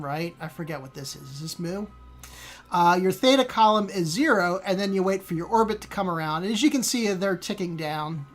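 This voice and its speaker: Low-voiced woman rambling through gameplay. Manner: rambling, many fillers and self-corrections. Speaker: host. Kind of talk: casual gameplay walkthrough commentary.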